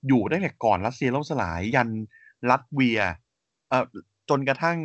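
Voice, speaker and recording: A man's voice: medium pitch, animated, normal speed, dry recording. A man co-hosting a casual podcast chat, reading out facts steadily with frequent hesitant fillers and polite sentence endings. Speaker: podcast co-host. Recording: slightly dull muffled audio.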